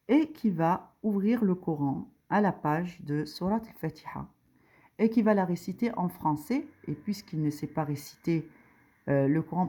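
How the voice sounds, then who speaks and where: The speaker, a religious teacher, has a fairly low pitch and a dark tone. She leads an informal tutorial on a diagram, moving step by step with frequent hesitations and many fillers, stressing key points with a rising voice.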